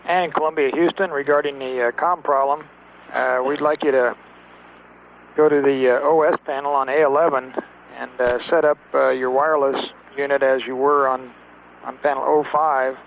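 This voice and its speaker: A man at mission control talking to a spacecraft crew over a narrow-band radio transmission, in clipped, halting radio procedure with many fillers. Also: medium pitch, fairly even intonation, vocal fry. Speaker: mission control capsule communicator. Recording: tinny radio link with faint hiss.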